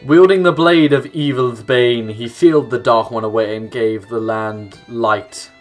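At a measured pace and in a steady, medium-pitched tone, a young man reads game text aloud during laid-back let's play commentary, dropping in casual asides. Plucked-guitar game music fills the background of his small room at home.

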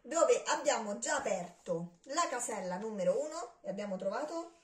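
A woman hosting her channel and reading a children's storybook aloud in a gentle, expressive tone. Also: fairly high pitch, normal speed, crowd noise.

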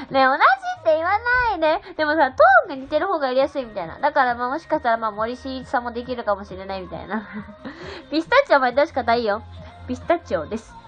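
A young woman chats giggly and casual on a livestream, reading and answering viewer comments. Her voice is high and very lively, bouncing up and down. The audio is dull and lo-fi, with faint music underneath. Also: fast talker. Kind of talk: casual live-stream chat.

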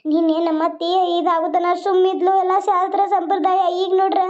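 A wronged young bride in a village cartoon, played by a woman, complaining and pleading in a very high, fast voice. She, and the recording is dull and lo-fi. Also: fairly even intonation, a little mellow.

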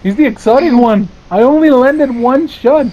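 A man bantering during a game, loud and excitable, cursing often and switching between English and Spanish. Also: extremely high pitch, normal speed, dull audio. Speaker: gaming streamer. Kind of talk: casual gaming banter.

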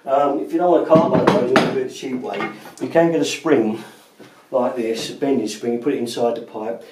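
A man's voice: mid-range voice, steady tone, fairly quick, darkish tone, a little hiss or hum. A middle-aged man, a plumber, chatting casually as he shows his tools at home on a close camera mic. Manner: chatty and practical, lots of ums and pointing out. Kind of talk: casual hands-on tool demonstration. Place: small room at home by a door.

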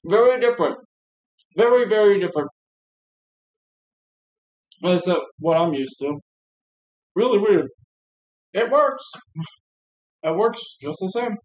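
A man's voice: high-pitched, lively intonation, slow, long pauses. A man reviewing snacks in a casual vlog, talking while chewing. He is goofy and self-mocking. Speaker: vlogger tasting snacks. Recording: echoey room.

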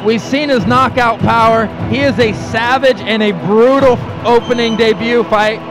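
A man's voice: very high-pitched, steady tone, moderate pace, poor audio. A man giving analytical live colour commentary on a mixed martial arts fight. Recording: live arena broadcast, crowd and music behind.

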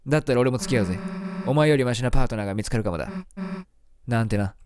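A man voicing a tough, rude monster schoolgirl who talks in a gruff, threatening way while reading game dialogue. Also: medium pitch, racing, crowd noise, pitched below the performer's own voice, natural voice. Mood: menacing. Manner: gruff, threatening, coarse speech. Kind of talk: voicing game dialogue during a let's play.

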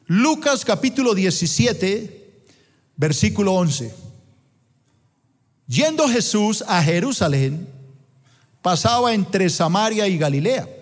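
A man delivers an emphatic sermon at an unhurried pace. His voice sits high, and he stops to let the congregation supply the next word. A long reverb from the church auditorium trails behind every phrase. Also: big pitch swings. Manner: emphatic, asks the congregation to fill in words. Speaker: preacher.

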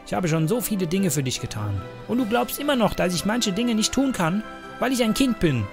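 Man voicing young girl heroine, stubborn, insistent, raised pitch, gravelly. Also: very animated, fairly quick, over music, exaggerated voice. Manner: pleading, insistent.

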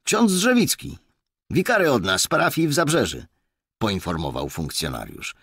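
Nervous young village cop voiced by a guy, way higher and louder, eager, sorry-sounding, gravelly dry audiobook read. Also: wildly swooping pitch, moderate pace, no room sound, heavily acted. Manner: eager, apologetic, raised voice.

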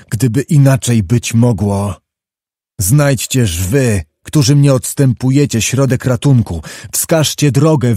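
A man's voice: mid-range voice, mellow, dry recording, studio quality, natural voice. A man voicing a proud, embittered middle-aged prince who pleads and commands with grave passion.

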